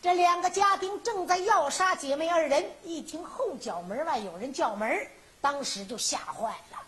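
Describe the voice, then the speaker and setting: A woman performing Henan zhuizi, moving between sung verse and brisk spoken dialogue. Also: high voice, animated. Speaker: folk ballad storyteller. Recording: loud folk instrumental accompaniment.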